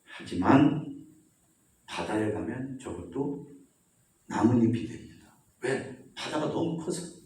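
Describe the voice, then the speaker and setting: A man preaches to a congregation in a church sanctuary. His speech is heavy with room echo, and he sounds somewhat distant from the microphone. He tells stories in an animated way and asks his listeners questions. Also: medium pitch, takes it slowly, long pauses. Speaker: pastor. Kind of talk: sermon. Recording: echoey church hall, mic at a distance.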